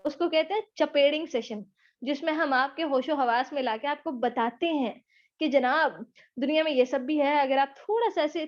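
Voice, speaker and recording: A high-pitched woman with a Pakistani accent leads a live online English lesson and takes questions. She teases and encourages her students in a chatty way, slipping English phrases into her Urdu. The audio is dull and lo-fi, like a web session. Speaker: spoken English teacher. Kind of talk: live online class lecture with Q&A.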